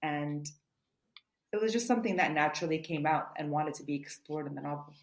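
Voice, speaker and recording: A woman author answering interview questions in an earnest, quick way, often saying "you know". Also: low voice. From United States. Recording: roomy echo.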